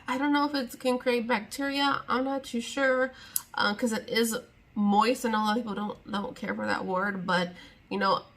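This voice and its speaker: At home, a young beauty vlogger sits down and chats casually to camera about her makeup, rambling and sounding exasperated. Her voice is medium-pitched with a fairly bright tone.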